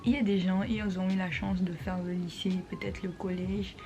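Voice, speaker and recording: A woman vlogger explaining English pronunciation in a casual talk, repeating words slowly and patiently. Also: fairly low pitch, level tone, background noise.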